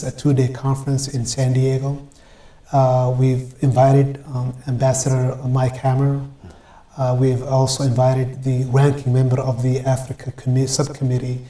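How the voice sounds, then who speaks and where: Man from Ethiopia, interview guest, mellow voice, measured with pauses, roomy echo. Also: mid-range voice. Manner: measured, many pauses and fillers. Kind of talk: interview answers.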